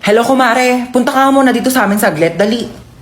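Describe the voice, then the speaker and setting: A woman's voice: a little high, expressive, brisk, background noise. A woman performing a comedy skit in which she plays several family members, switching between a bossy older sister and a scolding mother.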